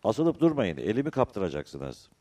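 A man voicing a rough, hot-tempered young boatman who shouts bluntly, reading from a novel. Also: fairly low pitch, sing-song, normal speed, voice pushed up. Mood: angry.

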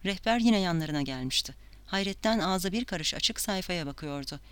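A steady audiobook reader with a smooth, resonant voice at an ordinary pitch, reading in a measured way. The sound is close and dry, with no room echo. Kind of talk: audiobook narration.

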